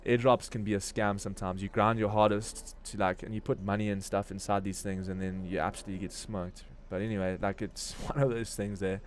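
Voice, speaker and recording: A Durban crypto livestream host speaks fairly quickly with few pauses, his fairly low voice held at a level tone over slight background noise. In a South African accent, he gives casual, slang-heavy live commentary on the market while thinking out loud.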